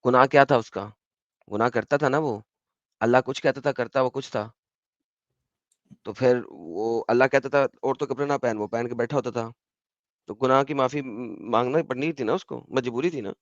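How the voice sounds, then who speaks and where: A man hosting a heated debate, pressing his points in rapid bursts and citing verses by number. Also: medium pitch, no room sound. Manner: pressing, rapid-fire arguing, quoting chapter and verse. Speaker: debate host. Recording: dull, dry lo-fi audio.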